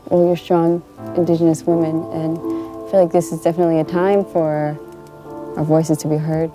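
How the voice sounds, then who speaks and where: Soft-spoken young woman, low voice. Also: flat delivery, normal speed. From United States. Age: young adult. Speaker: interviewee. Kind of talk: documentary interview. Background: music.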